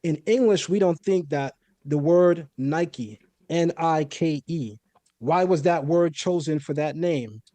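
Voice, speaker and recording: A guest debater from a Caribbean home walks through a point about Hebrew in an explanatory debate, lecturing methodically and often tossing in a rhetorical "right?". His fairly high voice still sounds mellow and dark. He speaks slowly, and the recording is dry and close with no echo.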